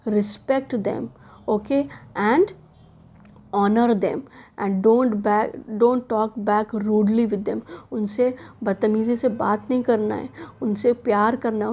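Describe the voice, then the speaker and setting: A woman teacher with an Indian English accent explains a children's poem, switching between English and Hindi. She reads each poem line slowly, then rattles through her explanations. Her voice is fairly high yet mellow and dark in tone. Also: steady tone. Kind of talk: classroom poem lesson.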